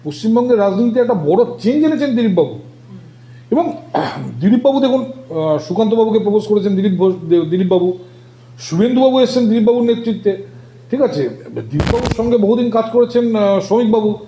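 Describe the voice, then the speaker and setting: Halting man with a dark, echoey voice. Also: high-pitched, expressive. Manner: halting, many fillers and restarts. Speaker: political guest. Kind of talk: interview answers.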